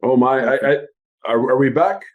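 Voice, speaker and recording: A man's voice: medium pitch, moderate pace, lo-fi sound. A Canadian man with Ethiopian parents hosting an interview over a video call, affirming the guest and often restarting his sentences. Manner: warm affirmations, stammering restarts. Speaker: interviewer host.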